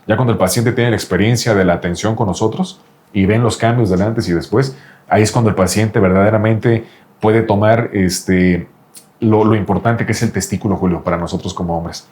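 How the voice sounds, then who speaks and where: This reproductive andrology specialist speaks briskly in a lowish, somewhat mellow voice with fairly even intonation. Interviewing a patient, he explains things insistently and keeps saying the patient's name.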